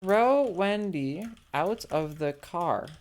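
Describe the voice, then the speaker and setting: A woman streamer with a lowish voice reads out the moves she types into a text adventure game. She speaks slowly and bluntly, but her pitch swings widely from line to line. Keyboard typing clicks along behind her. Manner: blunt and deadpan, with bursts of laughter. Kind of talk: reading her typed game commands aloud.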